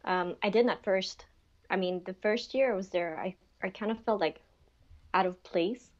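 Speaking at a normal speed in a mid-range voice, a young woman from Denmark is interviewed casually as a podcast guest. She's at home in her bedroom on a video call with an earphone mic, the sound is dull, and "like" and "um" come up often.

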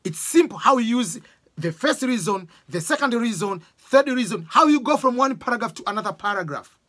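A man in his forties from Tanzania with a Tanzanian accent, giving animated casual exam advice to a close camera in a small room. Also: extremely high pitch, brisk. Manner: animated, gestures a lot, uses sports examples. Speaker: education vlogger. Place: small room with bookshelves, indoors. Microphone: camera close up, webcam framing.

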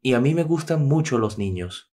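A man voicing a gentle middle-aged surgeon and father, talking softly and in a measured way in a storybook tale. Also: medium pitch, lively intonation, natural voice. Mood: earnest.

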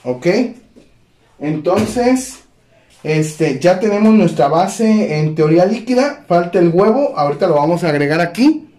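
A man hosting a home cooking demonstration, talking in a relaxed way with lots of fillers as he addresses viewers as friends. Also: high-pitched, a little slow. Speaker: cooking channel host. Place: home kitchen. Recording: echoey kitchen with faint noise.

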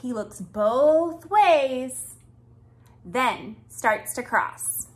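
In a small indoor room lined with bookshelves, a woman in her thirties does a children's storytime, reading a picture book to small children. Her high voice swings widely in pitch, and she goes slowly and expressively, phrasing each line deliberately for her young audience.

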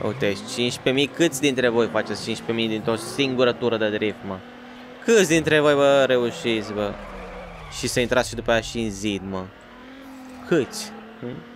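A man playing a racing game for his channel, chatting in slangy, excitable bursts to himself and his viewers. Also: medium pitch, background noise. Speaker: gaming YouTuber. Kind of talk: let's play commentary.

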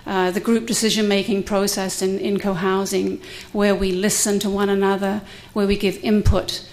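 A middle-aged woman's mid-range voice comes across level, a little mellow and at normal speed. As a cohousing resident and panelist, she gives a prepared university conference talk at a podium mic in a lecture room, openly and with gentle humor.

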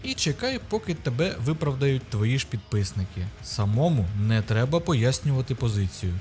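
A man's voice: mid-range voice, very animated, normal speed, a little mellow, faint music behind. A man with a Ukrainian accent hosting his channel, narrating a mock guide in a sarcastic, ironic tone. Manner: mocking, ironic. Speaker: YouTube host.

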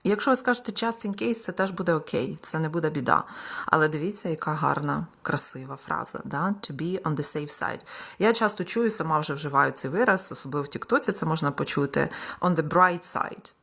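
A young tutor with a Ukrainian accent leads a live exam-prep lesson, explaining in Ukrainian and slowly reading English example sentences aloud. Her voice is deep, creaky and a bit bright.

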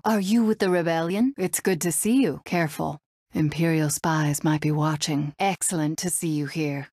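Animated Princess Leia, poised rebel leader. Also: female voice, fairly low pitch, no room sound, studio quality. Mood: urgent, teasing, then wry, teasing. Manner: poised, commanding, crisply courteous. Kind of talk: video game character voice clips.

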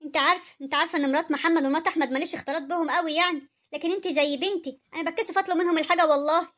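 A soft, pleading older Egyptian mother-in-law. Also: very high voice, steady tone, rapid-fire. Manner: pleading, soft-spoken, self-effacing.

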